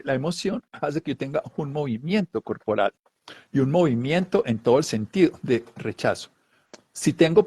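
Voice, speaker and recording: A man's voice: fairly high pitch, darkish tone, slightly rough. A man giving an explanatory talk on emotions, acting out little voiced examples. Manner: acts out little voiced examples, sometimes laughing. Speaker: wellness speaker.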